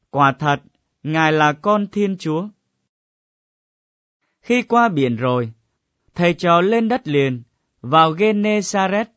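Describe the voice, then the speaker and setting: Man reading scripture, measured and solemn, slightly high voice, dry muffled recording. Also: a bit bright, dry recording.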